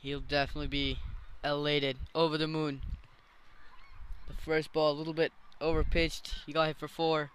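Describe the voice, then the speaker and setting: A male cricket commentator with a bright, forceful voice pitched a little high. He calls the match ball by ball and gets excitable on big moments, over faint background noise. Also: normal speed.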